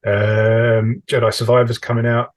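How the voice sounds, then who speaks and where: A man's voice: mid-range voice, monotone, a little slow. A British man co-hosting a podcast, chatting casually with wry, dry humour. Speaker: podcast co-host. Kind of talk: casual chat.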